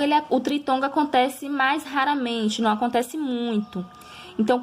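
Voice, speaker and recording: Patient woman teaching children. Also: a little high. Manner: slow, patient, drawing out example words syllable by syllable; checks in with listeners often. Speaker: primary school teacher. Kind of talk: recorded review lesson for children.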